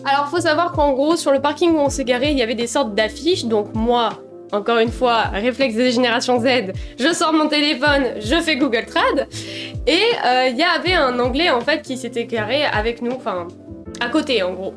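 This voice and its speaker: A young woman vlogger telling funny travel mishaps in a casual, animated and self-mocking way. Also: high-pitched, normal speed, soft background music. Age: young adult. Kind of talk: casual storytime.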